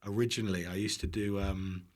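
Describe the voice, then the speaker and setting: A British man with a low voice and fairly even intonation talks briskly as a podcast guest. He's an online cooking content creator chatting casually, informal and self-deprecating, and he's happy to swear.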